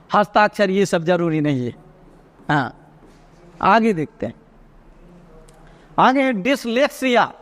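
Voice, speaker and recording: A male teacher with a very high voice gives an exam prep lecture. He reads out Sanskrit lines, explains them in Hindi and repeats the key terms. The sound rings with the long reverb of an echoey classroom. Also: fairly bright tone. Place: coaching classroom.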